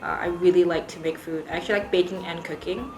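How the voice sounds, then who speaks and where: A woman's voice: fairly low pitch, steady tone, fast talker. A young woman from Singapore with an American accent, a baker answering interview questions in a chatty way with lots of ums. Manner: chatty, laughs easily, many ums. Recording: echoey room with music behind.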